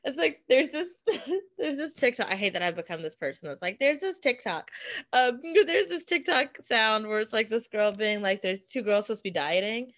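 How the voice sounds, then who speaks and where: A woman chatting casually on a podcast, playful and quick to laugh. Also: mid-range voice, lively intonation, a bit bright, no room sound. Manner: playful, laughing, acts out quoted voices.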